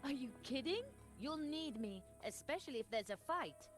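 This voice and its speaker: A woman's voice: high-pitched, expressive, moderate pace, faint music behind. An actress playing a bold young woman in an adventure game, blunt and determined. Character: bold young female ally, eager to fight.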